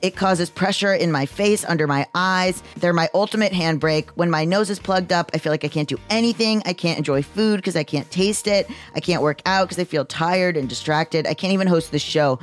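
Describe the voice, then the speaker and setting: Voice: a little fast, hardly any pauses. Androgynous podcast host reading ads over music. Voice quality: androgynous, testosterone-deepened voice with some strain. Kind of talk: scripted ad reads with personal asides.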